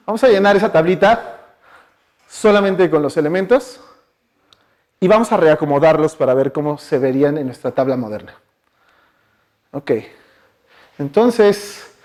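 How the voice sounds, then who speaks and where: A man's voice: on the high side, darkish tone. A man with a Mexican Spanish accent giving a chatty public science talk in a university lecture hall, asking the audience questions and using lots of fillers. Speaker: guest speaker.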